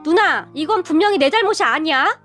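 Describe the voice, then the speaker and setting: A woman's voice: very high voice, lively intonation, fairly quick, a bit bright, soft background music. A woman voicing an exasperated young husband who sighs and complains. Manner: exasperated, sighing.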